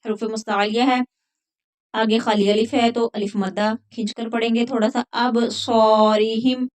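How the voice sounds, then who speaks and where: A woman teaching a tajweed lesson, patiently explaining each rule and then chanting the verses slowly. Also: fairly high pitch, flat delivery, a little mellow. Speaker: Quran recitation teacher.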